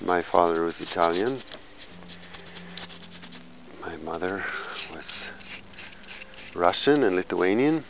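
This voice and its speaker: Low-voiced, thoughtful man in his fifties. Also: animated, gravelly, noisy background. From California, USA. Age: 50s. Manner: slow, thoughtful, with pauses and small restarts. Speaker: musician telling his life story. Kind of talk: reflective documentary interview.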